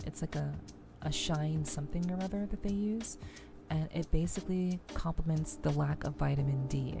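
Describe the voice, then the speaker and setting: A woman with a low, creaky voice hosts her weekly live show as a streamer, chatting softly in an ASMR-style game stream while background music plays behind her.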